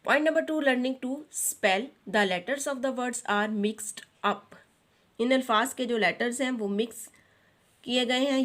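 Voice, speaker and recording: A woman teacher with a Pakistani accent, explaining a children's English textbook lesson and translating each English line into Urdu. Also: on the high side. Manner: reads English lines slowly, then translates each into Urdu.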